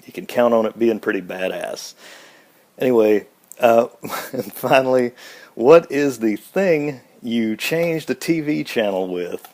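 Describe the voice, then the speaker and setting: A man's voice: mid-range voice, lively intonation, unhurried, a little mellow. A man with a Southern accent from Mississippi, speaking casually and informally in a laid-back, folksy way. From Mississippi, United States. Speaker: speaker answering an accent questionnaire. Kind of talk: casual informal word list and question answers.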